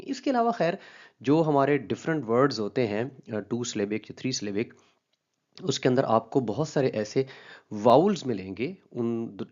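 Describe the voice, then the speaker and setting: Male lecturer, explains step by step, mid pitch, dull lo-fi recording. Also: a little mellow. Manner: explains step by step, mixing in English terms. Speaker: teacher.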